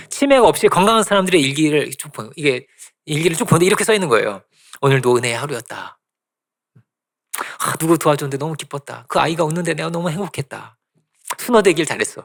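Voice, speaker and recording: Lively gravelly-voiced male pastor preaching. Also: fairly high pitch. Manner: animated preaching with frequent tag questions to the congregation. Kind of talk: sermon. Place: church sanctuary.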